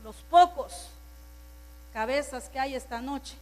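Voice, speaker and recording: A woman's voice: sits high, slow pace, a little mellow. A woman pastor preaching a sermon to her congregation, stressing word lists and turning to the listeners with asides.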